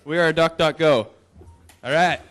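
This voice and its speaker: Slightly high and a touch slow, a young man's fairly bright voice carries a casual tech talk from a conference podium, with faint background noise. The audience laughs and whoops at his jokes.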